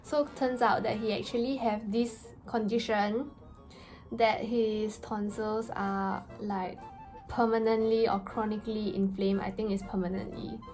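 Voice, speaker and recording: A young woman telling a story in a casual vlog rant, with an animated, exasperated, slangy delivery and emphatic stresses. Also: medium pitch, unhurried, low-quality recording. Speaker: vlogger. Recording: music playing behind the voice. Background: background music.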